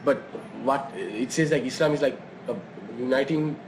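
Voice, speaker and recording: A man's voice: mid-range voice, normal speed. A man from Saudi Arabia hosting a casual conversation, rambling with many fillers and restarts. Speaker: host. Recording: noisy background.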